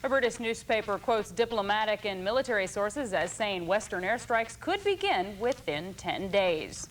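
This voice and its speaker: A woman's voice: mid-range voice, lively intonation, normal speed. A woman reading scripted television news as an anchor. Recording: faintly noisy early 1990s TV broadcast.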